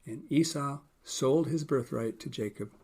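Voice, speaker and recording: A man's voice: mid-range voice, a little slow, darkish tone, breathy edge. Man reading scripture in casual chat. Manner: explains plainly, with small restarts and dry jokes. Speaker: podcast co-host reading Bible passages.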